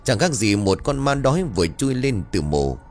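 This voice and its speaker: A man narrating a dark folk tale in an expressive, dramatic storytelling style. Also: lowish voice, moderate pace, soft background music.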